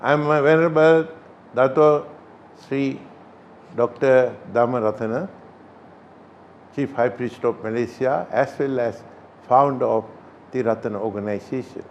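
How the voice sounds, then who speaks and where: Older guy from sri lanka, buddhist priest being interviewed, mid pitch, talks halting w lots of pauses. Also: a little hiss or hum. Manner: slow, halting, with many pauses and fillers. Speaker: Buddhist chief priest and founder of the society. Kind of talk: interview answers. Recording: slightly dull recording.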